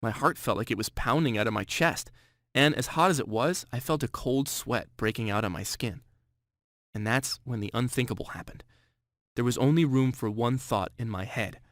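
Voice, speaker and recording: A man's voice: mid-range voice, moderate pace, a bit bright, no echo, studio quality. A man in his thirties telling a scripted first-person story with earnest, dramatic emphasis. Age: 30s. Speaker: sales narrator.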